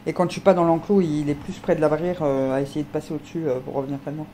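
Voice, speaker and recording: A woman's voice: low voice, steady tone, racing, mellow, a little hiss or hum, poor audio. A woman vlogging outdoors in a dog enclosure, chatting to viewers with a slight lisp and cooing baby talk to her dogs. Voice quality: slight lisp from new teeth. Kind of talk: casual vlog chat with pets.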